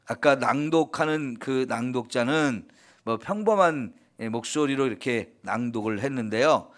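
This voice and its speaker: A man's voice: medium pitch, normal speed. A man preaching an early morning sermon as pastor, earnest and encouraging, often affirming with a short "yes.".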